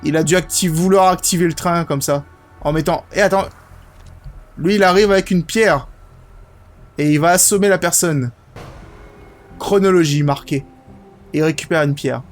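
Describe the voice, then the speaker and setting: A young man from France giving excitable, casual commentary as he plays a video game, swearing now and then. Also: fairly high pitch, normal speed, pauses often. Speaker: gaming video host. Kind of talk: casual let's-play commentary. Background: game music.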